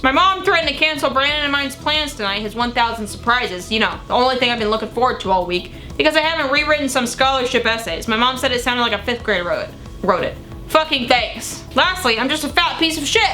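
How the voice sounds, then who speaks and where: A young adult vlogger with a slightly high, sharp voice reads her old teenage diary entries aloud, dramatic and gushing. She keeps breaking off for casual, sweary asides.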